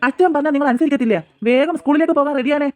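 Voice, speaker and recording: A woman's voice: high voice, rapid-fire, darkish tone, no echo, close to an everyday voice. A woman voicing a cheerful middle-aged father in a cartoon, teasing and fond with his family. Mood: coaxing. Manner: fond, chiding, joking. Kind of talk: cartoon voice acting.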